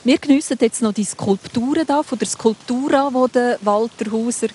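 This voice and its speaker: A woman's voice: fairly high pitch, normal speed, mellow, a little hiss or hum. A woman with a Swiss German accent hosting a live radio show while walking outdoors through a town, guiding listeners and leading into her guests. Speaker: radio host. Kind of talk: live radio walk-and-talk.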